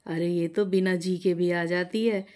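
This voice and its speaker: A woman's voice: fairly low pitch, fairly even intonation, a little slow, a little mellow, close to an everyday voice. Woman voicing a jolly mother-in-law. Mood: amused. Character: good-natured middle-aged mother-in-law.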